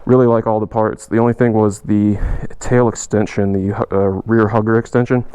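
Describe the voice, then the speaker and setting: A man's voice: lowish voice, normal speed, clear, resonant tone, no echo. A man talking casually and rambling as he vlogs about his motorcycle, much of it while riding on country roads. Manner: relaxed, rambling, with filler words. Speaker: motorcycle vlogger. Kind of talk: casual vlog. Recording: noisy outdoor road recording.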